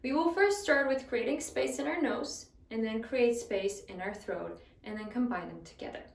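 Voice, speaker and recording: Higher-voiced woman teaching singing, roomy sound. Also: normal speed, creaky, distant mic. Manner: friendly instructive, guides exercises step by step. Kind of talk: vocal lesson.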